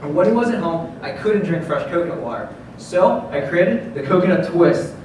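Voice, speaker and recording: A distant, noisy hall recording carries a young man's voice, a little high in pitch. He delivers a confident startup pitch as a founder. His phrasing is emphatic and rehearsed, stated in clear declarations. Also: animated, moderate pace, a little mellow. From South Florida, US. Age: young adult. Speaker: student founder pitching to judges. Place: large room at a pitch competition. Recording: echoey hall, distant mic, clear noise.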